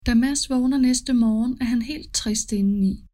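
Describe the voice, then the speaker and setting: Woman narrating a story, mellow tone. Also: on the high side.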